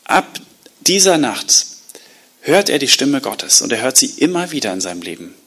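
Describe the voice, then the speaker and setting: A man preaching a sermon, retelling a Bible story in a lively, colloquial way and acting out the quotes. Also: medium pitch, normal speed, husky. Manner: colloquial asides. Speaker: pastor.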